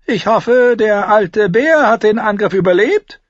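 A man voicing a quick-witted, sardonic dwarf nobleman, talking loud and teasing in a raised voice. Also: sits high, lively intonation, dry recording, muffled recording, pitched above the performer's own voice. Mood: mock concern.

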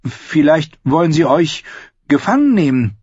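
A man's voice: on the high side, big pitch swings, measured pace, darkish tone, husky, no echo, voice pushed up, full character voice. Arya, a man doing a wary young girl. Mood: anxious. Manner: anxious, urgent, raised voice. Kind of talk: audiobook character voice. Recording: dull, lo-fi, dry.

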